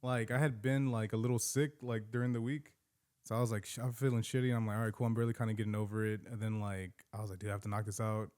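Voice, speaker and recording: A man's voice: on the low side, flat delivery, quick pace, a little mellow. A man, hosting a casual podcast interview, rambling and laid-back with many fillers. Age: late 20s. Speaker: podcast host.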